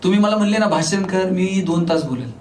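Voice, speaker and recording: A man's voice: high voice, expressive, fairly quick. A man from Maharashtra giving a motivational speech to a live audience. He tells humorous stories and acts out the dialogue. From Maharashtra, India. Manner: humorous storyteller acting out dialogue. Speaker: motivational speaker. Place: large hall with a live audience. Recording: echoey hall from far off, faint noise.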